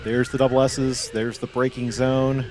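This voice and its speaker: A man hosting and commenting live kart racing from an announcer booth on a headset, talking in a relaxed, chatty way. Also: mid-range voice, normal speed, background noise. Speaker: race commentator and host. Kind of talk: live race commentary and interview.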